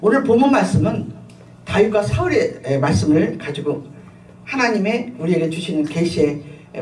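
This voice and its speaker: Woman pastor, middle-aged, animated sermon storytelling, frequent laughter and fillers, roomy echo, faint ambient noise. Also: mid-range voice. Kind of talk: sermon with personal testimony. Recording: echoey room, voice from a distance, faint ambient noise.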